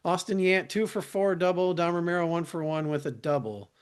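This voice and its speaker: Slightly high-voiced man reading stats. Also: fairly quick, clear, resonant tone. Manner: methodical, lists stats in short bursts. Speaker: podcast host. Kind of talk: reading game stats and asking questions.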